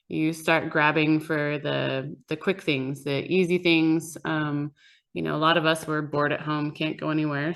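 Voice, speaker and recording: A woman guest in a casual roundtable chat, speaking candidly and filling pauses with many ums. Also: low-pitched, creaky, a bit bright. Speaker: fitness club member guest. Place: fitness studio.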